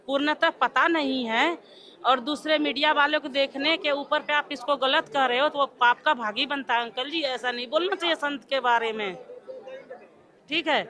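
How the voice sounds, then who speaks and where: A woman's voice: sits high, sharp tone. A woman giving a devotional testimony, telling her own story and acting out the remembered dialogue in quoted voices.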